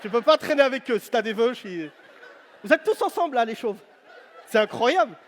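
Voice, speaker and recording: A stand-up comedian with a strikingly high voice works the crowd, teasing people loudly. He talks into a handheld mic on a big stage. The live show carries a long reverb from the hall. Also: expressive, a little fast, slight background noise. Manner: teasing, loud banter with the audience. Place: large venue on stage.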